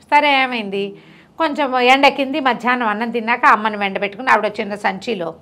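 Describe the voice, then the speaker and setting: A woman storyteller telling a folk tale in a lively, chatty way, with asides to her listener. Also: a little high, a little fast.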